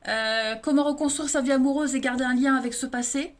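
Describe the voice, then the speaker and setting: Lady w/ eastern french accent doing a tarot reading, pretty high voice, keeps going "hein" at viewers. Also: fairly even intonation, brisk. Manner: addresses viewers directly, frequent tag "hein". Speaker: tarot reader. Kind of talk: monthly tarot card reading.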